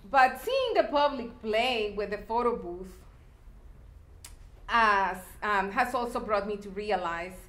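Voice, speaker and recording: A woman's voice: mid-range voice, lively intonation, slow, a bit bright. A woman from El Salvador giving a public talk about her art installations, speaking reflectively with fillers and restarts. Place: lecture hall. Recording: echoey lecture hall.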